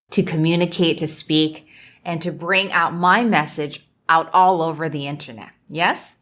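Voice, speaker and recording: A woman with a notably low voice hosts a solo podcast on a microphone. Measured and deliberate, she stacks her ideas into emphatic lists as she coaches her listeners. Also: a bit bright. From United States. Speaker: podcast host and business coach. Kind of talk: solo motivational podcast talk.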